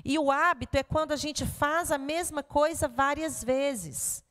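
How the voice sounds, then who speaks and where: A woman's voice: sits high, a little slow, in a large hall. A woman pedagogue giving a parenting talk at a church, telling stories and speaking directly to her audience. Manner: animated storytelling to an audience. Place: church hall before an audience.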